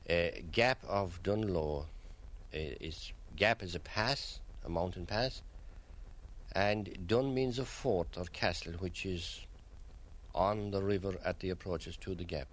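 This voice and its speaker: A man from County Kerry, Ireland, speaks with a Kerry Irish accent, answering interview questions as a local guide. His voice sits low and his delivery is measured, like storytelling.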